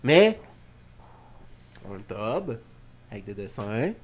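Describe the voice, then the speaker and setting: A man with a Quebec French accent hosts in an ordinary mid-pitched voice. His delivery is loose and chatty, with an informal, joking manner suited to studio banter about wrestling. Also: very animated, slow pace. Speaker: wrestling talk show host. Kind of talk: casual studio chat.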